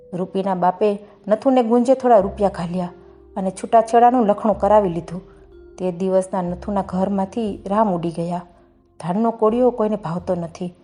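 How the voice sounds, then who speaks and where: A woman narrating a folk tale audiobook in an expressive, measured way. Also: mid-range voice. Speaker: storyteller.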